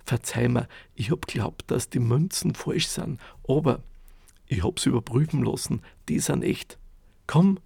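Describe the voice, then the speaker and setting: A man's voice: mid-range voice, unhurried, gravelly, a little mellow, husky, no echo, full character voice. A man voicing a friendly, apologetic village shopkeeper who coaxes a customer.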